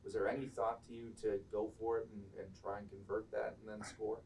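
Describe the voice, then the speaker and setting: A man's voice: fairly low pitch, little pitch movement, a little fast, creaky, darkish tone. A man asking direct questions as a reporter at a press conference. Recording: distant mic with faint room noise.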